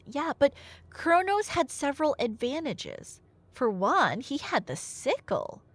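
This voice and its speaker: In an audio roleplay, a woman plays an enthusiastic nerdy girlfriend explaining Greek myths. Her voice is fairly high and fairly bright, exaggerated, with no echo. She tells the stories in a casual, emphatic, colloquial ramble.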